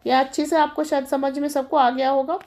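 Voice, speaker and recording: A woman's voice: high voice, level tone, a little fast, a little mellow. A woman teaching Hindi grammar as a classroom-style lesson, walking through each example step by step and asking and answering her own questions as she addresses her students as children.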